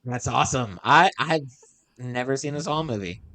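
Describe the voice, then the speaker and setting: A man's voice: mid-range voice, animated, normal speed, pushed and bright, no room sound. Man musing aloud as podcast host. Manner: meandering, thinks aloud with restarts. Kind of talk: casual podcast chat.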